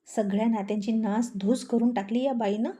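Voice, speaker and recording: Furious hot-tempered young husband, as a woman narrator puts him on, scolding, fairly high voice, mellow tone, storybook drama. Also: fairly even intonation, normal speed, natural voice. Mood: angry. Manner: shouting, scolding.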